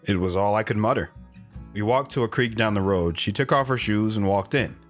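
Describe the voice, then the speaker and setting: Over plucked guitar music, an actor with a fairly low, everyday-sounding voice speaks fairly quickly as a lone wanderer recalling his romance. A storytelling guest on a radio show, he gives this dramatic first-person narration an earnest, hesitant, wistful and reflective tone.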